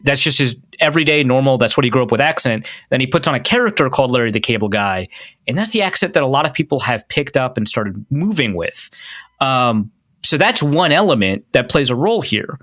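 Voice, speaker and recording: Midwestern guy hosting a podcast, rambly, lots of "like", bright punchy voice, dry sound. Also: mid-range voice, animated, a little fast, no room sound. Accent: Midwestern American. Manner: rambling, many "like" fillers and restarts. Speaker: podcast host. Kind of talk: casual podcast chat.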